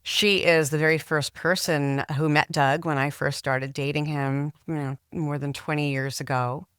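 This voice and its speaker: A middle-aged woman hosting a podcast, speaking earnestly and sometimes halting on repeated words. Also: low voice, fairly even intonation, a bit bright, smooth, no room sound, studio quality. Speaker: podcast host. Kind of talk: interview.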